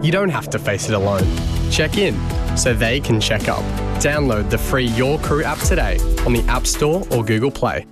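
A man narrates a scripted advert in a mid-pitched voice. Loud music runs behind him. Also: expressive, moderate pace.

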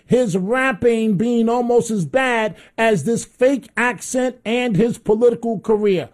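A man with a notably high voice hosts a call-in radio show, sneering and combative as he mocks his targets. His delivery is sarcastic and opinionated throughout. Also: unhurried, darkish tone. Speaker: radio talk show host.

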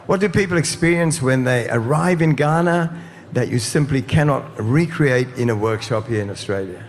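A man's voice: mid-range voice, moderate pace, a little hiss or hum. A man presenting live community radio from a festival, who interviews a guest and hypes the audience with enthusiasm. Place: outdoor festival live broadcast.

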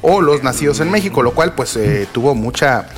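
A man hosting a casual radio talk, pausing often with fillers and restarts. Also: mid-range voice, lively intonation. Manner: hesitant, many fillers and restarts. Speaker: radio show host reading sports news.

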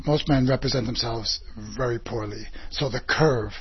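A man who runs a clothing shop sizes up an outfit in an interview, sounding assured but often pausing on fillers. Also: medium pitch, muffled recording. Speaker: clothing shop owner, style critic.

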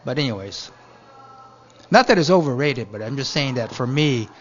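A man's voice: mid-range voice, animated, normal speed, muffled recording. A middle-aged man from Japan, a chef, answering radio interview questions in a rambling way full of fillers and restarts.

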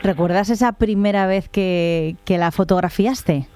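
Radio host woman, mid-pitched. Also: measured pace, warm tone, clear, resonant tone. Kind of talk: radio interview hosting.

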